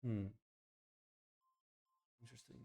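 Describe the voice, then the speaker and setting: A man's voice: slow pace, warm tone. A young man streaming live, chatting bluntly with some swearing while he thinks aloud and clicks through his screens. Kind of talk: casual live stream chat.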